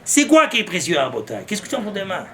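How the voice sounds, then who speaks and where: This man's voice sits high and fairly bright, with wildly swooping pitch and fast delivery over a slight hiss or hum. He's a rabbi preaching an impassioned sermon, breaking into fervent rhetorical questions and mixing Hebrew terms into his speech.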